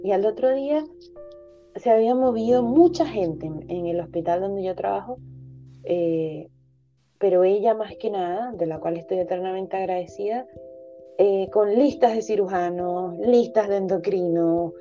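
A young woman, a physician, appears as a podcast guest and shares her story candidly and emotionally, hesitating often. Her voice is very dark and mellow, medium in pitch, at a moderate pace. Faint music plays beneath the dull, lo-fi audio.

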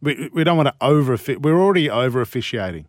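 A man's voice: medium pitch, lively intonation, fast talker, dry recording. An Australian man hosting sports talk radio in a conversational presenting style.

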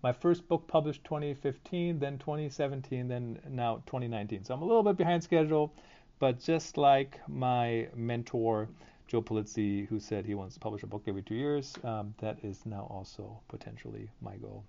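A man's voice: medium pitch, moderate pace, creaky, warm tone. A man hosting a casual solo live stream, thinking aloud informally, recorded through phone headphones used as a mic. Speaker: podcast and live stream host. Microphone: phone headset, headphones used as mic. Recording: dull lo-fi phone headset audio.

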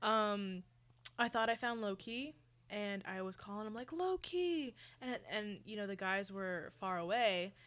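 A woman's voice: mid-range voice, unhurried, smooth. A young woman co-hosting a podcast in casual chat, telling stories with gasps and the odd swear. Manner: lively storyteller, gasps and swears for effect. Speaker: podcast co-host.

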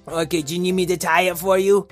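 A man's voice: high-pitched, little pitch movement, fast, soft background music, natural voice. A man voicing a goofy, easygoing talking dog with an overlong tongue, rambling and stammering with impeded speech. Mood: flustered, eager. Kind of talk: children's improvised storytelling.

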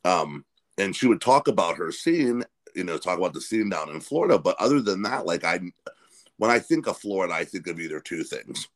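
A man's voice: low voice, very animated, brisk. A man, hosting a podcast in casual, rambling chat full of restarts. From Pennsylvania. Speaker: podcast host.

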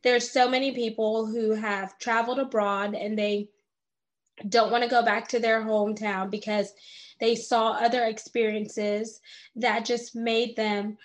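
A woman's voice: on the high side, little pitch movement, measured pace. A woman hosting an interview podcast, upbeat and enthusiastic as she introduces her guest and asks questions. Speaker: podcast host.

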